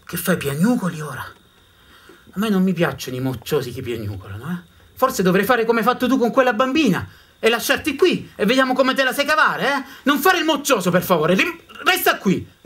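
A man's voice: on the low side, little pitch movement, normal speed, pauses often, husky, far from the mic, voice pushed down. A man playing a stern old hunter grandfather who scolds his grandson in a stage story. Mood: scolding.

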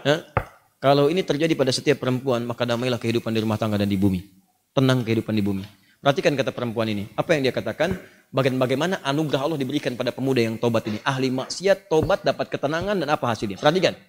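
A man's voice: medium pitch, very fast, a little hiss or hum. A male Islamic preacher telling a story in a sermon, acting out scenes and quizzing his audience with questions. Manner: animated, dramatizing, quizzing the audience.

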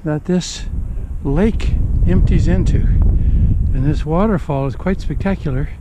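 A man's voice: fairly high pitch, takes it slowly. An older man filming himself on a sailboat, casually explaining his rigging and the coastline to the camera. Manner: relaxed, explains sailing gear step by step. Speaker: solo sailor vlogger. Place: outdoors on a sailboat deck and rocky coast. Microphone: action camera held at arm's length. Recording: loud wind noise on camera mic. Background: wind and water noise.

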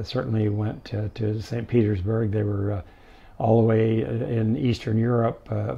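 An older man telling stories from his life in an interview, halting often with fillers. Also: lowish voice, gravelly, breathy edge, lo-fi sound. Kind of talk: casual storytelling.

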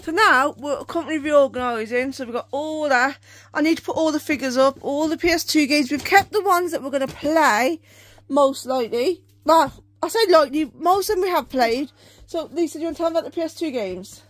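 A young British woman with a high voice chats to the camera while showing off a shelved room at home. She rambles and corrects herself as she goes, in a loose, friendly vlog style. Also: brisk. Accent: British English. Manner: chatty, rambling, self-correcting. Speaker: channel co-host. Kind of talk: casual collection vlog.

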